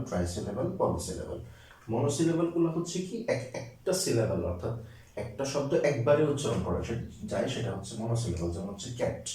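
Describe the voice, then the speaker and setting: A man's voice: lowish voice, mellow. A young man from Bangladesh teaching English grammar at a board, explaining step by step and mixing in English terms. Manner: explains step by step, mixes English terms into Bengali, many fillers. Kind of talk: classroom lecture at a board. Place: classroom with a board. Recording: very echoey room, voice from far off the mic.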